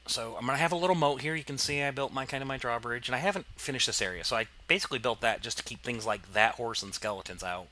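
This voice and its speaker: A man's voice: medium pitch, quick pace, hardly any pauses, sharp tone, a little hiss or hum. A man casually commenting on his gameplay, rambling and explaining as he goes, with plenty of fillers. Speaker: let's play host.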